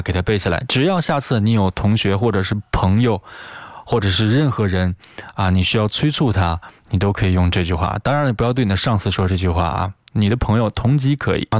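Low-voiced man explaining English phrases. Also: no echo, clean studio sound. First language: Chinese. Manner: patient, demonstrates pronunciation by repeating phrases slowly. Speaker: English teacher.

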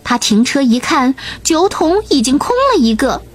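High-voiced woman telling a bedtime story. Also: animated, normal speed. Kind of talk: children's bedtime story narration. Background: soft music.

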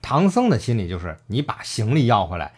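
A man's voice: mid-range voice, sing-song, a little fast, slightly rough. A man casually retelling a classic story, acting out the characters' lines and laughing often.

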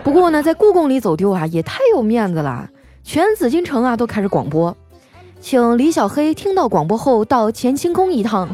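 A man's voice: very high voice, very animated, brisk, a little mellow, voice pushed up. Woman putting on a smug male coworker, sneering, boastful, faint music. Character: teasing male coworker, sharp-tongued.

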